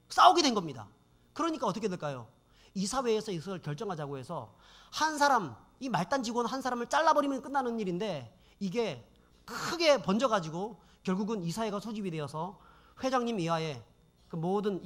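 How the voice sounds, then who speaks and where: A man's voice: high-pitched, big pitch swings, fairly quick, a bit bright. A man preaching a sermon testimony, telling his story dramatically and addressing the congregation. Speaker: pastor.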